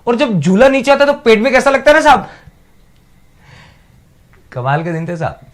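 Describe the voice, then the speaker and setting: A man's voice: very high-pitched, very animated, normal speed. A man in a stage monologue, playing an orphaned village man who tells his master of the childhood he lost, wistful and pleading. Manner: wistful and pleading, keeps addressing "sahib". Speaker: actor in a monologue contest.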